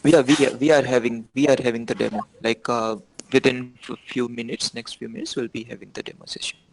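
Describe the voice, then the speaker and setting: Man, instructor, very creaky, average pitch, halting with fillers, online class call. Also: flat delivery, background noise. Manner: hesitant, many fillers and restarts. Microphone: video call.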